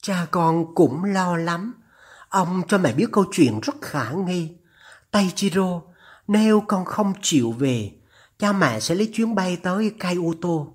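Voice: mid-range voice, lively intonation, slow pace. A narrator voicing an anxious older mother on the phone, her trembling voice urgent and scolding as she pleads.

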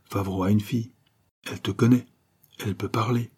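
A man's voice: lowish voice, steady tone, fairly quick, darkish tone, husky. A man playing a weak, fearful male thief who pleads anxiously with his domineering lover in an audiobook.

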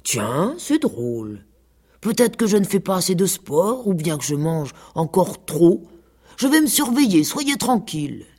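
A woman voicing a vain, gullible male farm pig who frets over his looks and boasts eagerly, with a husky voice. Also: fairly low pitch, sing-song, unhurried, darkish tone, pitched above the performer's own voice, heavily acted. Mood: fretful.

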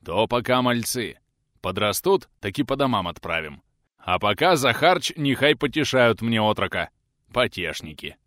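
An audiobook narrator voicing a stern, commanding medieval grand prince who speaks in a gruff, booming, old-fashioned way. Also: male voice, very animated, normal speed, a bit bright, dry recording, clean studio sound. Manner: booming, gruff, archaic speech.

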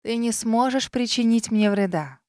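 A woman voicing a treacherous old grandmother witch in an audiobook, speaking in a soft, honeyed, condescending way. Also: medium pitch, expressive, normal speed, dry recording, clean studio sound, close to an everyday voice. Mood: calm mocking. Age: older.

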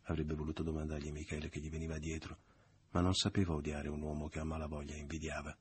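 Deep, husky male audiobook narrator. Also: completely flat delivery, fast talker.

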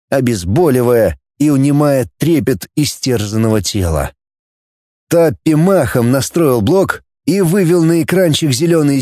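Male audiobook narrator, lively pitch, dramatic read, dry close mic. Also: no room sound. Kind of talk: scripted narration.

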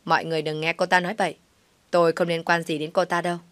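A cold, scornful young man with a curt, mocking delivery, read by a woman in her own lowish voice. Short, cutting lines. A close, dry sound. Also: fairly even intonation, moderate pace, fairly bright tone, no echo, close to an everyday voice. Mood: indignant.

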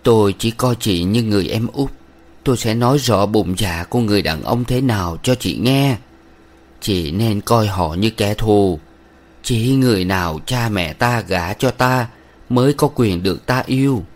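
A man's voice: lowish voice, lively intonation, normal speed, lightly acted. A man doing a stern preachy village matron. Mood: lecturing. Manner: moralizing, lecturing. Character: middle-aged village matron, stern, preachy, sweet-talking.

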